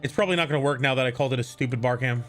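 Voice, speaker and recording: A man's voice: mid-range voice, rapid-fire, faint music behind. A man streaming live, chatting casually and jokily with viewers and greeting them by name. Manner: animated, jokey, greets chat members by name.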